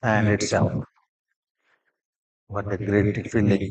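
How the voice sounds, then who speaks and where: A man with a Telugu Indian accent giving live cricket commentary, mixing languages, with excited, exclamatory calls. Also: fairly low pitch, drawn-out words.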